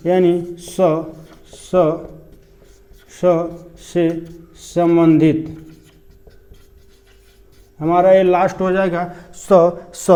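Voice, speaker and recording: A man's voice: high voice, warm tone. A man teaching a Hindi spelling lesson for exam preparation, repeating each word and asking and answering his own questions.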